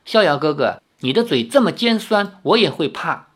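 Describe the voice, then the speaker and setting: A man voicing a gentle sixteen-year-old girl in a storybook reading, soft and coaxing as she makes peace. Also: a little high, very animated, moderate pace, voice pushed up.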